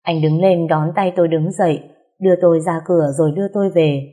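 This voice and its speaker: A woman with a somewhat low voice tells a dramatic first-person story. She narrates with feeling and slips into the voices of every character herself. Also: steady tone, quick pace, warm tone.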